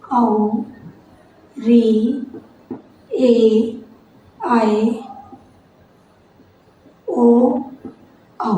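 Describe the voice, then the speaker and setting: A woman's voice: on the high side, mellow. A woman teacher giving a grammar lesson, asking the class questions and answering them herself. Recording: very echoey room, faint noise.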